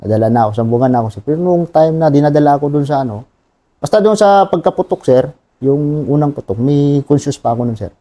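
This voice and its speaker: A Filipino man in his thirties, a wounded soldier telling his war story in an interview, talking plainly and haltingly and often adding a polite "sir". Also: a little high, expressive, warm tone. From Philippines.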